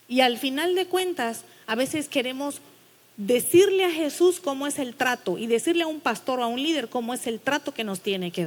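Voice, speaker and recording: This woman pastor has a high voice and preaches without mincing words, challenging her congregation through rhetorical questions. The sanctuary's lengthy reverb makes her voice ring out.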